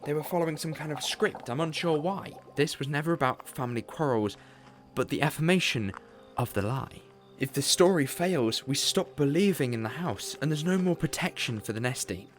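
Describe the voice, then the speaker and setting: A man's voice: fairly high pitch, expressive, a little hiss or hum, natural voice. The Doctor, a man playing a theatrical alien sleuth. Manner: theatrical, quick-witted, fond of grand explanations. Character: eccentric alien time-traveling male detective. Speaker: lead character. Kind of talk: fan audio drama acting.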